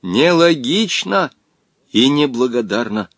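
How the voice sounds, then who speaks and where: A man's voice: medium pitch, sing-song, takes it slowly, fairly bright tone, no echo, clean studio sound, heavily acted. A man voicing an indignant, nervous young boy in an audiobook, protesting and pleading.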